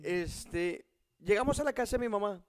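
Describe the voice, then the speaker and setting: A man's voice: sits high, lively intonation, moderate pace, no room sound. A young man with a Mexican Spanish accent, casually telling a story to a friend, laughing and swearing freely. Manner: laughs often, swears freely, acts out voices in stories.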